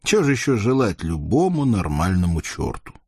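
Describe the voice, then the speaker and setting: A man's voice: on the low side, big pitch swings, a little slow, darkish tone, husky, no echo, clean studio sound. A man narrating a fairy tale in a playful, folksy way, addressing the readers. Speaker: storyteller. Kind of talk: expressive audiobook narration.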